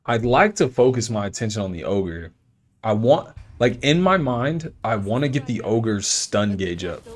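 A man's voice: fairly low pitch, animated, measured pace. Profane man streaming a game. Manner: casual, profane, thinks out loud; loud frustrated outbursts at enemies. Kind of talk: live gameplay commentary.

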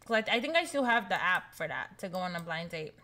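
A young woman streaming a life-sim game live, chatting with viewers and shrieking with excitement in drawn-out repeats. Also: on the low side. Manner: chats with viewers, says thanks for follows. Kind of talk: casual live-stream commentary.

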